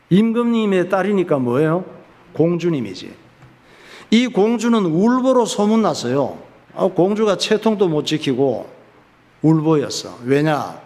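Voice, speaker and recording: A pastor telling a folk tale in his sermon, lively and folksy, often asking and answering his own questions. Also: fairly high pitch. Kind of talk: sermon storytelling. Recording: reverberant church hall.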